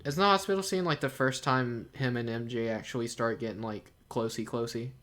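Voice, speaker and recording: A man's voice: mid-range voice, brisk, fairly bright tone. A man in a casual movie chat, laid-back, swearing casually and laughing often.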